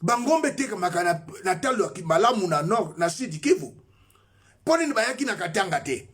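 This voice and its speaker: Man, high husky voice, fiery political rant, rallies the crowd. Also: very animated, a little fast. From Congo, Kinshasa. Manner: agitated, exhorting, bursts into shouting. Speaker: political commentator.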